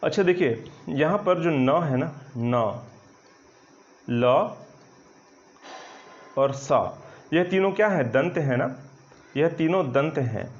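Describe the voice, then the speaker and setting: A man's voice: fairly high pitch, animated, slow, long pauses. A male Hindi grammar teacher giving an online exam-prep lesson, explaining patiently and checking often that students follow. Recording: slightly dull lo-fi sound.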